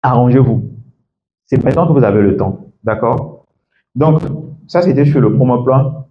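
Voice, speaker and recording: A man's voice: medium pitch, normal speed, muffled recording, slight background noise. A man working as an English coach gives a classroom lecture, explaining step by step and often checking in with "d'accord?".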